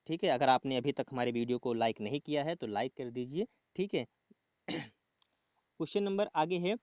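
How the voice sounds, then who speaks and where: A man's voice: medium pitch, no echo. Dull lo-fi male tutor, repetitive. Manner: repeats the answer, frequent filler "okay", clears throat. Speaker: exam-prep tutor. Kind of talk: quiz answer walkthrough.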